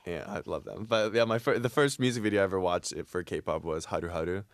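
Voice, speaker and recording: A man's voice: deep voice, fast talker. A young man from the United States, a group member, explaining his views thoughtfully.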